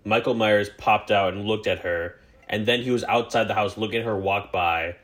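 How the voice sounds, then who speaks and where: Low-voiced man narrating a movie. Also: normal speed, fairly bright tone. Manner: wry, narrates what happens on screen. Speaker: podcast co-host. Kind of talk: casual movie-watch commentary.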